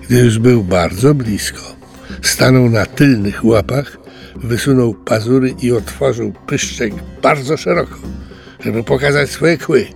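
Mężczyzna spokojnie czytający bajkę dla dzieci. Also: male voice, mid-range voice, gravelly, faint music behind. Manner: calm, unhurried. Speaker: narrator. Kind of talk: storybook reading.

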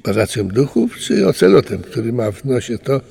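Man voicing a booming, stern volcano spirit. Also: big pitch swings, moderate pace, vocal fry, slightly rough, long reverb tail, exaggerated voice. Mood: indignant. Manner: loud, lecturing. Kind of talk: storybook reading.

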